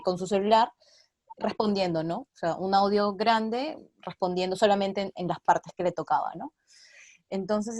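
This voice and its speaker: A radio theatre actress is interviewed, explaining things in a casual way and often checking in with short tag questions. Her voice is mid-range, and the studio sound is clean with no room sound.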